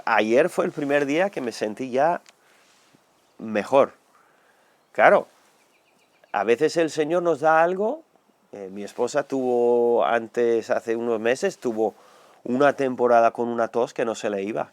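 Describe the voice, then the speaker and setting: Older man, Spanish accent, pastor, hoarse from a cold, conversational sermon, dry close sound. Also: mid-range voice, no echo. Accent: Spanish (Spain). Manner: conversational, animated storytelling with acted quotes.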